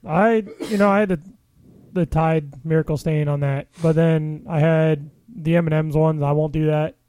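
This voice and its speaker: A man's voice: fairly high pitch, fairly even intonation, moderate pace, mellow, a little hiss or hum. A man co-hosting a podcast in casual chat, easygoing and retelling things with filler words. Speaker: podcast co-host.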